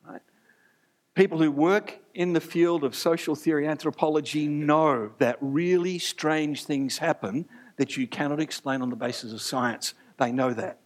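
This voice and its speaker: A male pastor delivers a sermon before his church congregation. His voice sits slightly high, and he keeps things chatty and light, joking with the room as he teaches. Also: moderate pace.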